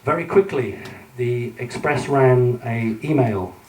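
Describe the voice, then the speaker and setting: A man's voice: mid-range voice, slow, darkish tone, slight background noise. Man lecturing in an echoey hall. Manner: earnest, hesitant with frequent fillers. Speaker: conference speaker. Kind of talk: conference lecture with slides. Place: conference hall. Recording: echoey hall, mic at a distance.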